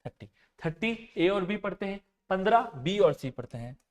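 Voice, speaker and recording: A man with a high-pitched voice gives an exam-prep maths lecture. He works through each problem step by step, mixing in terms, and keeps asking his students whether they follow. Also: sing-song, moderate pace. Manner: explains step by step, often asks students if they understood. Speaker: maths and reasoning teacher.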